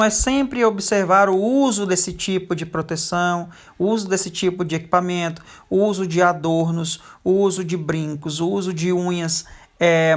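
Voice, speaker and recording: A teacher giving a recorded lecture over slides, pausing often with fillers. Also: medium pitch, fairly bright tone. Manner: frequent hesitation fillers.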